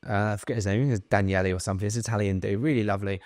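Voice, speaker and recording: Low-voiced man telling stories. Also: very fast, no room sound, clean studio sound. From England. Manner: animated, swears freely, acts out quotes. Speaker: guest. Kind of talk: casual storytelling.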